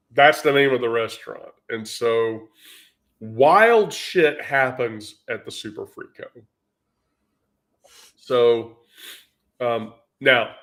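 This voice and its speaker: A man's voice: medium pitch, a bit bright. A man vlogging in casual storytelling mode, rambling and profane, with many fillers.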